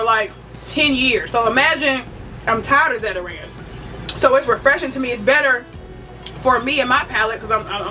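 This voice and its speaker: A woman's voice: high voice, sharp tone. Chatty woman cooking vlogger. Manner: chatty, talks straight to viewers as "y'all", with fillers. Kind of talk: casual cooking vlog.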